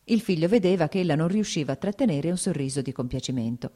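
Low, mellow woman narrating an audiobook. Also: expressive, fast talker.

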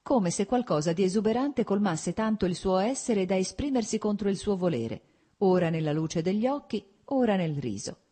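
A woman narrating a classic novel as an audiobook, in a measured, expressive reading. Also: medium pitch, slightly rough.

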